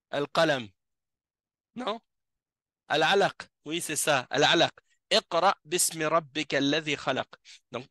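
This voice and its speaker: Slow, patient male Arabic teacher. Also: fairly high pitch, bright, forceful tone, no room sound, studio quality. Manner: patient, repeats each word several times. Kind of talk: classroom language lesson. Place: mosque classroom.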